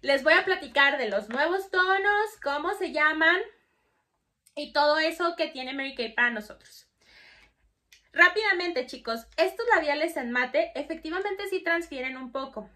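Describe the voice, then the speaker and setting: A woman's voice: high-pitched, lively intonation, normal speed, bright, forceful tone. A young woman with a Mexican Spanish accent chatting casually to camera about lipsticks, bubbly and full of fillers. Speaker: beauty vlogger. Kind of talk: casual makeup review to camera.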